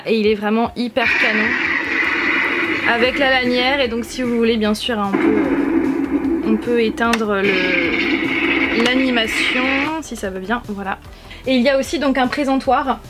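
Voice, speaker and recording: Young female vlogger, higher voice, gushing fan energy, restarts a lot, home recording. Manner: enthusiastic, gushing, many restarts. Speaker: YouTube vlogger. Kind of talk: casual haul video chat. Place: warm room at home with a fan running. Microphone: camera-mounted shotgun mic.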